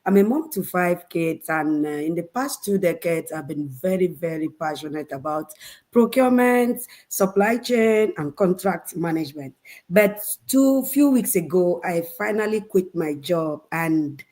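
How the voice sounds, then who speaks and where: A woman's voice: on the low side, expressive, measured pace, a little mellow. A woman from Nigeria, a mother of five, chatting proudly as a panelist. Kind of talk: casual panel chat.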